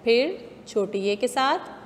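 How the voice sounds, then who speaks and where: Pakistani urdu teacher lady, slightly high voice, sounds out every syllable real slow for little kids, reverby room. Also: expressive. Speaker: kindergarten teacher. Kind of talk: spelling lesson for young children. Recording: long reverb, faint background noise.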